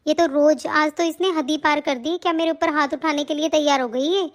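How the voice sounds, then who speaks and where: A woman's voice: sits high, fairly even intonation, a little fast, close to an everyday voice. A woman playing a grumbling old grandmother. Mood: doting, sorrowful. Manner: complaining, plaintive, moralizing. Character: older woman, self-pitying grandmother and mother-in-law. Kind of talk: hobby family-drama acting.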